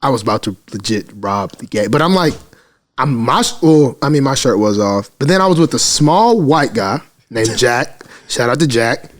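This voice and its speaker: A man from Alabama, co-hosting a podcast in animated, joking banter. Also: medium pitch, moderate pace. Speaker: podcast co-host. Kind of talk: casual chat.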